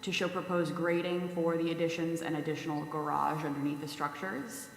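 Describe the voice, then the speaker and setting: A woman's voice: deep voice, fairly even intonation, brisk, vocal fry. A woman on town planning staff, reading out conditions in a formal report at a public meeting. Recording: echoey meeting hall, faint noise.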